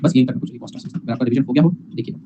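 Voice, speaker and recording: A man's voice: medium pitch, very fast, dull audio, noisy background. A man teaching accounting in a class lecture, mixing in English terms, calling students "beta" and asking questions he answers himself.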